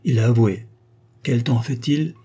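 A man voicing a stern army general who gives cold, clipped orders, in a dark, husky voice. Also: mid-range voice, unhurried.

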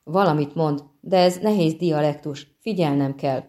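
A weary monster hunter, patient but clearly exasperated, as a woman reader gives him a voice. Low and dark in tone, read as a storybook character rather than fully acted. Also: close to an everyday voice. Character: weary grown man, monster hunter and translator. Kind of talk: audiobook reading.

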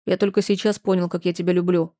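A woman voicing a young man in love who pleads earnestly and slowly. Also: fairly low pitch, flat delivery, dark tone, lightly acted.

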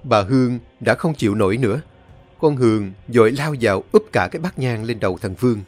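Male horror narrator, dramatic and expressive, lively pitch, soft music under the voice. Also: a little fast. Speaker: storyteller. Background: faint music.

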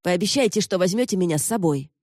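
A woman's voice: lowish voice, animated, quick pace, mellow, no echo, clean studio sound. A woman voicing a captured young male thief who begs and bargains in a whiny voice. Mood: pleading. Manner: whiny, begging.

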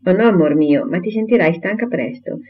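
A man voicing a fussy, anxious elderly gentleman who calls himself an invalid and frets over every detail. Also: high voice, brisk. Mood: fretful. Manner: fretful, worrying. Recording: tinny phone-like audio.

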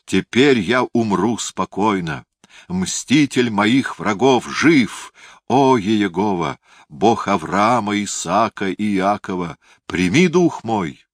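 A man's voice: sits low, fairly even intonation, slow, fairly bright tone, dry recording, clean studio sound. A man voicing a proud, noble prince who speaks in solemn, impassioned declamation. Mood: fervent.

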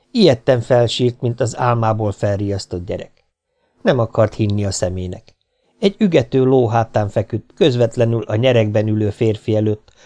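A man narrating an audiobook in a steady, even storytelling read. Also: on the low side.

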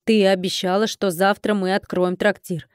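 Tasya, woman voicing a gruff innkeeper. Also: mid-range voice, moderate pace, darkish tone, no echo, clean studio sound, natural voice. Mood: grumbling.

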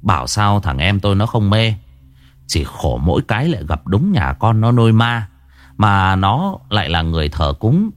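Low, lively male ghost storyteller. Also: normal speed, dry recording. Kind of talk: first-person ghost story narration.

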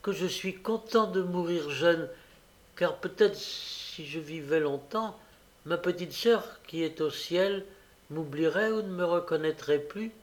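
A man's voice: on the high side, unhurried, voice pushed up, natural voice. A man voicing a frail, frightened little boy in an audiobook, timid and stammering. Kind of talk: audiobook character voice.

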